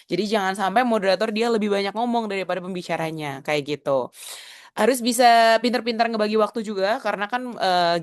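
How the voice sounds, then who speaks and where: A woman's voice: medium pitch, no room sound. Woman coach, dry close sound. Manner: casual, mixes in English phrases; demonstrates vocal techniques. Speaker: public speaking coach. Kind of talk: webinar lesson. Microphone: video call.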